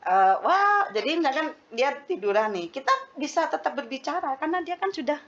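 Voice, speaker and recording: A woman's voice: high voice, lively intonation, fairly quick, fairly bright tone, lo-fi sound. A woman giving an explanatory parenting seminar talk to mothers. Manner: explanatory, addresses mothers as Bun. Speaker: parenting speaker.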